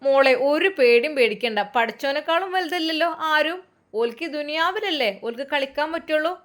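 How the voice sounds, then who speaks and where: A woman's voice: high voice, lively intonation, normal speed, fairly bright tone, voice pushed up. A woman playing a soothing old village mother. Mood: reassuring. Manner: soothing, firm, motherly endearments. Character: older village mother, warm and reassuring.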